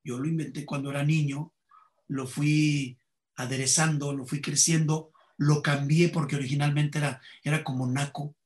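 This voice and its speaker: Animated Mexican man telling stories. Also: on the high side, moderate pace. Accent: Mexican Spanish. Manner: animated anecdote-telling, acts out dialogue. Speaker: comedian. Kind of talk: interview conversation, storytelling.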